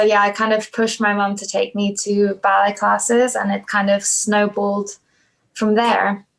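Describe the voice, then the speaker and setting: A young South African dancer, interviewed as a podcast guest, speaks casually with lots of hesitations and restarts. Her medium-pitched voice is creaky and a bit bright, and the recording is rough.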